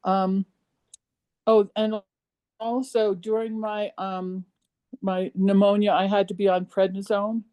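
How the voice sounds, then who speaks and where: Halting, mellow-voiced woman in her seventies. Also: mid-range voice, level tone. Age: 70s. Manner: emotional, halting with frequent ums. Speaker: program participant. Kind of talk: personal testimonial.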